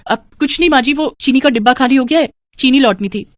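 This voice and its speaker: A woman voicing a meek young daughter-in-law in a cartoon, pleading in a soft way. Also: high-pitched, fast talker, no room sound, pitched above the performer's own voice, natural voice.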